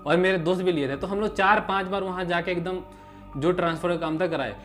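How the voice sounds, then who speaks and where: A young man with a fairly high voice recalls what happened in a plain, halting way. Faint music plays behind him. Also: fairly bright tone. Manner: plain, halting, simple phrasing. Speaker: guest in a vlog. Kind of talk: casual storytelling.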